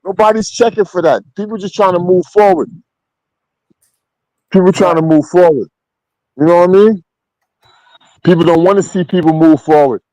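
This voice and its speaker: A blunt, slangy man from Queens tells his street stories in a New York accent. His voice is dark and mellow, a little higher than most men's. The sound is close and dry. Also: moderate pace, pauses often, dry recording, rough recording. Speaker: interview guest. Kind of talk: casual street storytelling.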